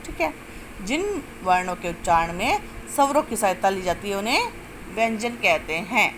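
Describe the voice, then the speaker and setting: A woman teaching a grammar lesson step by step, asking questions and answering them herself, and drawing out sounds slowly to show them. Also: mid-range voice, animated, noisy background. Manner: explains step by step, asks and answers own questions. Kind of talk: classroom-style lesson.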